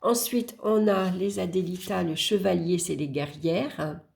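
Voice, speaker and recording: Female host, low gravelly tone, very slow casual deck walkthrough, murmured card names. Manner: unhurried, murmuring card names while flipping, with small hesitations; warm, admiring remarks about the artwork. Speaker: channel host presenting a tarot deck.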